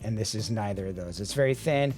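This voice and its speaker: A man's voice: lowish voice, a little fast, darkish tone, soft background music. A man giving a casual, wry product review with frequent restarts. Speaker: audio gear reviewer.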